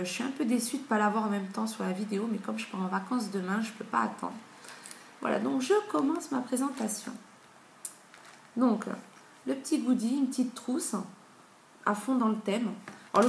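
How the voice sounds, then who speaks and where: A woman's voice: a little high, a little fast, vocal fry. A woman in her thirties giving a casual, chatty review of beauty products, with plenty of fillers. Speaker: beauty vlogger. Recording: echoey room with faint noise.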